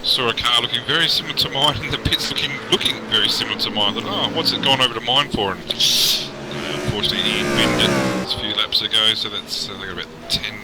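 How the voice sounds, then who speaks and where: A man, a racing driver, chatting in lively, joking, rambling fashion on a commentary call. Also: fairly low pitch, fast, very noisy. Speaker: race driver joining commentary.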